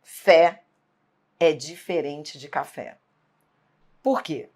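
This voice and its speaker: A woman's voice: on the low side, lively intonation, measured pace. A woman teaching an exam-prep grammar lesson, emphatic, asking rhetorical questions and checking in often.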